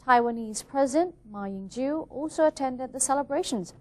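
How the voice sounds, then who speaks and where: A woman's voice: sits high, lively intonation, normal speed. A woman reading scripted television news as an anchor.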